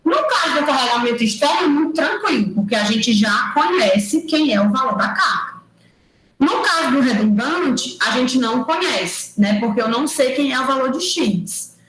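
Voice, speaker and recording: Woman lecturer on a video call, fairly high voice, keeps asking "right?" as she walks through it, roomy echo, faint hiss. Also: expressive, normal speed, a loud crowd. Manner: explains step by step, checks in with tag questions. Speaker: university lecturer. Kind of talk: online engineering lecture. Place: room at home or office, recorded over a digital platform. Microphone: computer mic on a video call.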